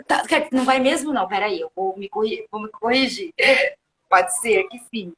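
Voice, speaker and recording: A woman's voice: medium pitch, normal speed, a little hiss or hum, low-quality recording. A woman from Brazil hosting an interview, who asks conversational questions and often restarts and corrects herself. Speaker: host. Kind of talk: interview questions, casual chat.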